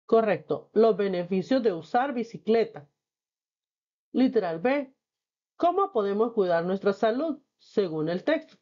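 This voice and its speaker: A woman teacher reading and explaining a textbook lesson, patient and clear. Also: mid-range voice, expressive, unhurried, highs cut off.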